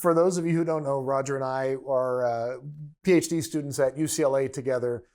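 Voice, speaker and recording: A man's voice: medium pitch, fairly even intonation, fairly quick, darkish tone, smooth. A man hosting an interview podcast, talking in a friendly way and asking questions with frequent fillers and repeated words. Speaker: podcast host. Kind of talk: conversational interview.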